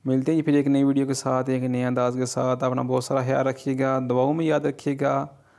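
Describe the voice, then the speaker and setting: A man's voice: medium pitch, little pitch movement, brisk, darkish tone. A man with a Pakistani Urdu accent teaching a language lesson, patiently repeating each phrase and checking in often. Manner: frequent "theek hai ji" check-ins.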